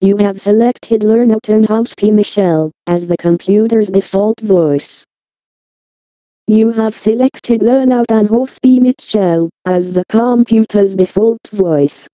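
A synthetic text-to-speech voice of a British woman, speaking in a flat, monotone computer delivery. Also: medium pitch, slow, no echo. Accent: British English. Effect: robotic text-to-speech voice. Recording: dull, dry lo-fi computer audio.

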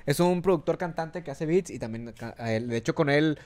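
A man hosting a podcast in a relaxed, slangy way. He speaks in a somewhat higher register than most men. He stumbles and restarts words as he searches for what to ask. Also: a little fast. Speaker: podcast host. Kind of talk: casual chat.

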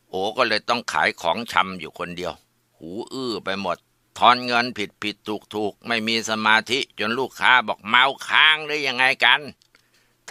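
A male storyteller relates a village folk tale plainly and steadily, his voice low-set but bright and tense. The recording is dry and close, with no echo.

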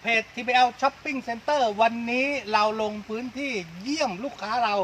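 High-pitched man announcing formally. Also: normal speed, very noisy. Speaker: channel host. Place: outdoors in a coconut orchard.

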